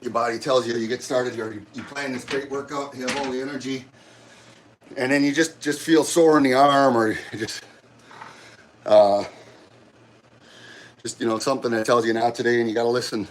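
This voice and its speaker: A middle-aged man, out of breath, chatting casually with viewers of his livestream during a gym workout, halting and rambling with many restarts. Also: medium pitch, steady tone. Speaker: livestream host. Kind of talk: casual chat while working out on a livestream. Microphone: camera set up nearby.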